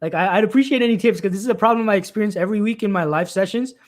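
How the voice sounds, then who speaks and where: A high-voiced man runs a weekly live stream about careers, reading out comments from viewers. His speech is loose and very fast, full of restarts and repetition, and his worn-thin voice is broken up by frequent throat-clearing.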